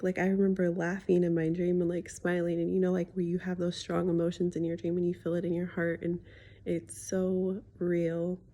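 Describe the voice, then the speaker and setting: Creaky, low-voiced woman lisping slightly around a retainer. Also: dark tone. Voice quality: slight lisp from speaking with a retainer in. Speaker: spiritual healing coach sharing a personal story. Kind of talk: reflective personal vlog, confiding talk.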